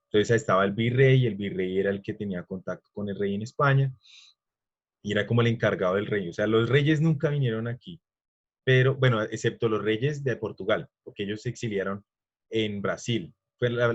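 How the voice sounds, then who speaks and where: A man's voice: on the low side, muffled recording. Rambling man teaching a class. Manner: rambling, stops to quiz students. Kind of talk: online class lecture.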